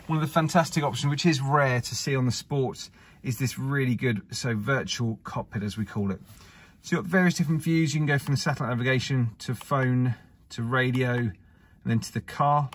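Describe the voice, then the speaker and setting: A brisk, mid-range male voice belongs to a car dealer doing a casual walkaround of a used car inside a showroom. He carries the camera himself, talking in upbeat sales patter as he walks.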